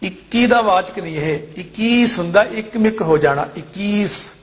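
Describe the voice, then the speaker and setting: A man's voice: high voice, expressive, moderate pace. A man with an Indian Punjabi accent teaching scripture pronunciation, chanting verses in a lilting tone and then explaining each word with care.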